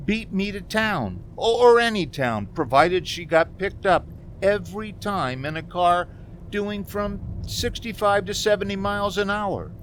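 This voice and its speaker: An actor voices an anxious, haunted young man on a lonely cross-country drive in a 1940s-style radio drama mixing acting and narration. He speaks high and slowly, hesitant and pleading, in a community theater recording with faint background noise.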